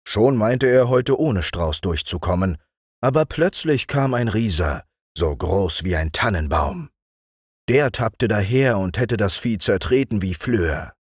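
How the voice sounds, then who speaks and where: Slow expressive male fairy-tale reader. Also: fairly low pitch, husky, dry recording, clean studio sound. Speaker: audiobook reader. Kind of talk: bedtime fairy-tale narration.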